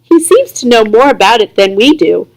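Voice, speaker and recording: A woman reading as a gentle, thoughtful father. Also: a little high, very animated, poor audio. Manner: gentle, measured.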